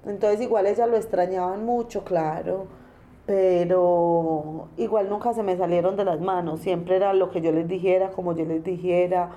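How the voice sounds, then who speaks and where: A woman's voice: on the low side, fairly even intonation, moderate pace, dark tone, muffled recording, a little hiss or hum. A young woman telling her own life story in a plain, conversational way, often repeating herself. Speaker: interviewee. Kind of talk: personal testimony.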